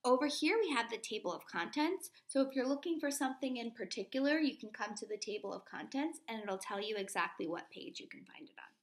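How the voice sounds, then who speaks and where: This primary school teacher, a woman in her thirties, reads aloud to small children, keeping her explanations simple and asking questions as she goes. Her fairly high voice is expressive and brisk, with hardly any pauses, and there is slight background noise.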